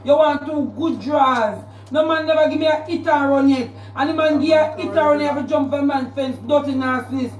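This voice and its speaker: A Jamaican woman with a high voice delivers a heated livestream rant, circling back over the same points as she calls someone out. She sounds roomy, picked up by a phone mic from a few steps away. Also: a little fast, few pauses, a little mellow, far from the mic. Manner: confrontational, repetitive, calling out a rival. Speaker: social media livestreamer.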